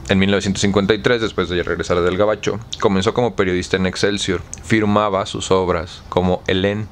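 A man's voice: low-pitched, a little hiss or hum. A man with a Mexican accent, casually commenting on a book with lots of slang and an irreverent tone. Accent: Mexican Spanish. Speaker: book club host.

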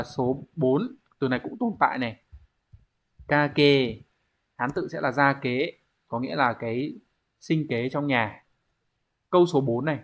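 A man teaching a language exam review lesson. He explains step by step and keeps checking with the class. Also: mid-range voice. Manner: explains step by step, often asks the class to confirm.

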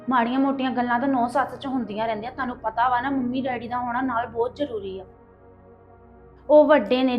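A woman's voice: sits high, muffled recording, lightly acted. A woman playing a young daughter-in-law who argues back at her mother-in-law. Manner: argumentative, retorting. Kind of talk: family skit acting.

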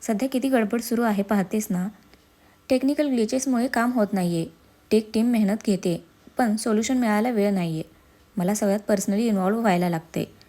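A woman's voice: medium pitch, a little fast, warm tone, lightly acted. A woman voicing an irritable, overworked young husband in a storybook reading. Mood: apologetic. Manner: curt, exasperated, then coaxing.

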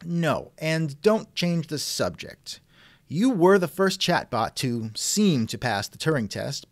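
A man hosts a conversational interview, a reenacted text-chat exchange, asking his questions in a wry, skeptical way. His voice is on the high side, with no echo.

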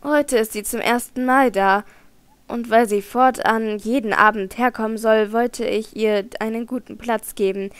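A woman's voice: a little high, fairly even intonation, a little slow, clear, resonant tone, dry recording, natural voice. A woman reading the part of a self-assured middle-aged male opera director who speaks emphatically in an audiobook.

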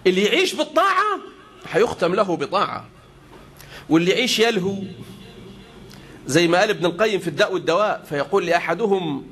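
A man's voice: big pitch swings, fast, pauses often, a bit bright. A man with an Egyptian Arabic accent preaching a sermon, telling stories and voicing each speaker's questions and answers. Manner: acts out dialogue, rising high for questions and dropping low for replies. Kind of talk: sermon storytelling.

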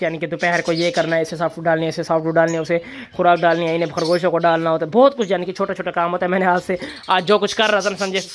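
This bird-keeping vlogger has a high-pitched, fairly bright voice. In a casual farm vlog, the young man chats while feeding his birds and rabbits, calling out and coaxing them between comments.

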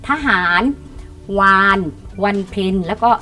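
A middle-aged woman teaching young pupils in an online lesson. She coaxes them along and reads words aloud slowly so they can repeat after her. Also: pushed and bright, faint music behind. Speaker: primary school teacher.

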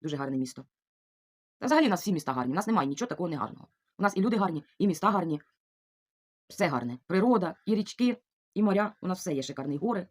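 A middle-aged Ukrainian woman chats casually in a vlog, reading out viewer comments and thanking each one again and again. She's warm and chatty, with a low, expressive voice and a racing pace.

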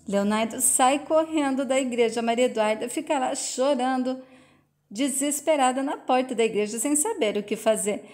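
A woman's voice: high-pitched, moderate pace, a little mellow. A woman retelling a soap opera scene in plain present-tense play-by-play. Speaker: narrator.

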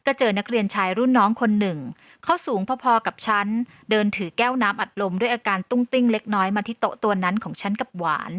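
A woman narrating an audio novel in the first person, with a steady, scripted delivery on a close mic. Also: medium pitch, dry recording.

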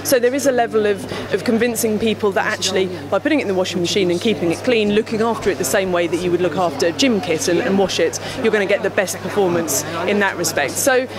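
Talking at a quick pace with hardly any pauses, a woman in her thirties with a medium-pitched voice presents products at a trade show stand for her company. She speaks into a handheld mic held by an interviewer, with many fillers and restarts, and crowd chatter is heard behind her.

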